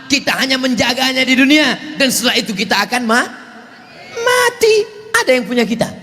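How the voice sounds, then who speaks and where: A man's voice: very high voice, big pitch swings, brisk, sharp tone, a little hiss or hum. A male Islamic preacher giving a humorous sermon to a large evening gathering, joking, acting out voices and asking the crowd for replies. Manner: jokes and acts out voices, asks the crowd for replies. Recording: reverberant hall, faint ambience.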